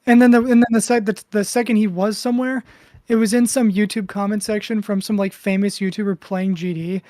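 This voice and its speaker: A podcast co-host in casual chat, easygoing and quick to swear. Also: mid-range voice, dry recording, clean studio sound. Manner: relaxed, profane, easygoing.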